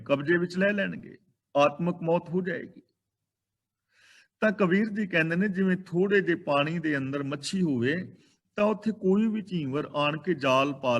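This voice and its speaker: A man with a Punjabi accent teaches sacred verses. His voice sits a little high. He chants each line slowly, then explains its pronunciation and meaning in a steady teaching manner. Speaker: scripture teacher.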